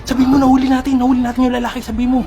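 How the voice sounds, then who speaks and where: A man yelling and teasing in a casual prank vlog. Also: very high-pitched, completely flat delivery, rapid-fire. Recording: loud music, crowd noise.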